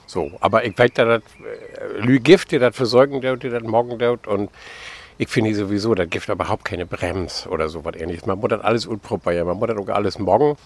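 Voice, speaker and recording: A man, a guest on a radio talk, answering at length and pausing to find his words. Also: fairly low pitch. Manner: hesitant, thinks aloud with fillers. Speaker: guest, actor and writer. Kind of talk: casual radio interview.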